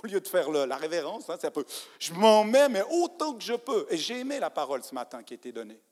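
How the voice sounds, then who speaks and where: A man preaching a sermon in a church, animated, acting out people's inner voices and swinging from hushed to loud. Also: high-pitched, quick pace. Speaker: pastor. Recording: church hall reverb.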